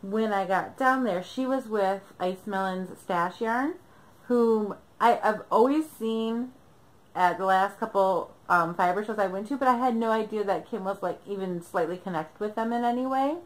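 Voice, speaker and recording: A woman's voice: medium pitch, normal speed, rough recording. A young woman chatting to camera at home, recapping a trip, chatty with frequent laughs and fillers. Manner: chatty, laughs often, many ums. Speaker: knitting vlogger. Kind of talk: casual chat to camera. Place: bedroom, indoors.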